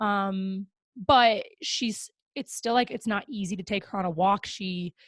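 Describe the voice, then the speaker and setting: Unhurried and medium-pitched, a young adult woman hosts a podcast in casual conversation, upbeat and talkative with many fillers. The close podcast mic yields a dry recording.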